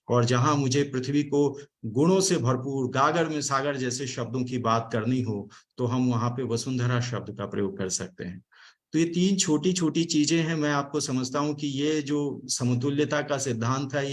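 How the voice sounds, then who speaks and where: A man's voice: mid-range voice, fairly bright tone. A man from Delhi giving a formal academic talk and thanks on a video call, explaining word meanings with hesitant fillers. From Delhi, India. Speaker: speaker giving vote of thanks at online event.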